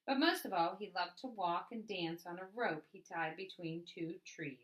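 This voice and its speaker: A woman with a voice on the low side tells a picture-book story aloud at a normal pace, narrating expressively and stressing key words for drama. The audio quality is poor.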